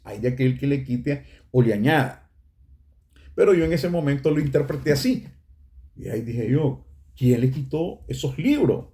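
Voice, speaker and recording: Earnest middle-aged Nicaraguan man, mellow voice. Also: mid-range voice. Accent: Nicaraguan Spanish. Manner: earnest, emotional, addresses listeners as brothers. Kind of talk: personal faith testimony.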